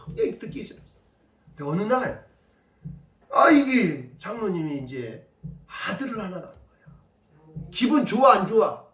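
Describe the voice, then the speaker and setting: A male pastor preaching emphatically, firing rhetorical questions at his congregation. His voice is very high and swings widely, and it rings through a roomy church from a distance. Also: very animated, moderate pace, pauses often, a bit bright. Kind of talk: sermon. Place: church sanctuary.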